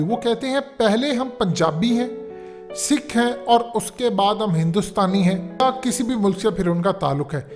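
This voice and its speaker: Emphatic male political commentator. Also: high-pitched. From Pakistan. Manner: emphatic, lecturing, repeats "dekhiye".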